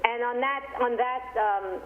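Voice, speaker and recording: A woman's voice: fairly high pitch, unhurried, in a large hall. A woman county supervisor calling into a meeting on a crackly speakerphone that fades in and out, asking pressing questions. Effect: crackly speakerphone call, fading in and out. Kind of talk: meeting discussion by phone. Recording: tinny phone line with faint hiss.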